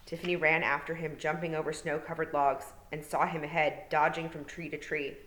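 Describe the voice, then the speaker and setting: A woman teacher narrating a storybook aloud in a calm, measured way. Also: low voice. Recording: roomy, echoey room.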